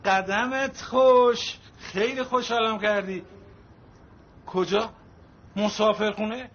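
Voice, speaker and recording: A man's voice: high-pitched, animated, a bit bright, lo-fi sound. An actor playing a harried middle-aged father who is effusively polite and pleading with his family. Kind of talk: comedy film acting.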